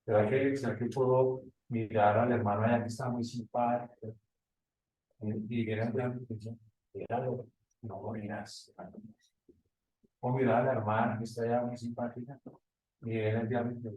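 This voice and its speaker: A man's voice: medium pitch, little pitch movement, brisk, a little mellow. Man preaching from far in an echoey hall. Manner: preaching with rhetorical questions to the congregation. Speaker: pastor. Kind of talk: sermon. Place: church hall.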